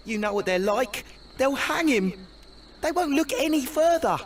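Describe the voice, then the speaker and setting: Pleading young street lad, lively voice, distant game audio. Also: high voice, moderate pace, a little hiss or hum. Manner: urgent and pleading. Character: worried young street boy pleading for help.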